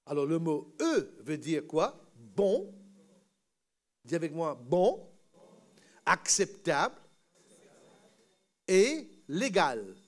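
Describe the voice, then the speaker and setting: A man's voice: a little high, very animated, extremely slow, pauses often. A man preaching a sermon in a church, teaching word by word and having the congregation repeat after him in call-and-response. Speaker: pastor.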